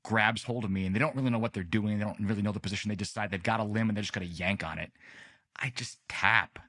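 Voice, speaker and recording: A man in his late thirties, a podcast guest telling stories in a relaxed, unhurried way with many restarts. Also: lowish voice. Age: late 30s. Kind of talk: casual storytelling interview.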